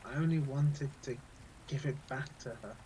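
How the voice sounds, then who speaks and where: A young man reading the lines of a guilt-ridden sixteen-year-old boy in a quiet, halting, despairing way, with game music behind. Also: mid-range voice, a little hiss or hum, close to an everyday voice, rough recording. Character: troubled teenage boy full of guilt.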